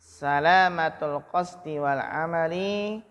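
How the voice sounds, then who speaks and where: A man with an Indonesian accent teaching Arabic grammar to a class. He draws out Arabic phrases slowly, then fires quick questions at students by name. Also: a little high, a bit bright, long reverb tail, lo-fi sound. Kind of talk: classroom lesson, calling on students.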